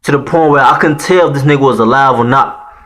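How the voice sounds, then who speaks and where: A Haitian-accented man in his thirties, originally from Haiti, speaks quickly in a mid-range, fairly bright voice. He's telling viewers a personal story, casually and profanely, with lots of slang and repeated "man" and "you know what I'm saying."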